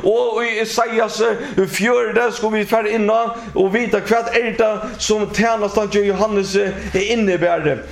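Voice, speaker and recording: A man preaching a sermon and reading scripture, halting with many fillers and drawing call-and-response from listeners. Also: sits high, steady tone, vocal fry, slight background noise. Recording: echoey room.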